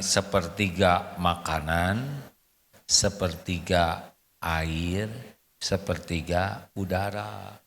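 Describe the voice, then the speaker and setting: A man's voice: on the low side, a bit bright. An older man preaching a joking sermon in a Sundanese accent, acting out husbands and wives as he teaches. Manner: joking, acts out husband and wife voices. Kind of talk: humorous sermon to a congregation. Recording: hall reverb, faint room noise.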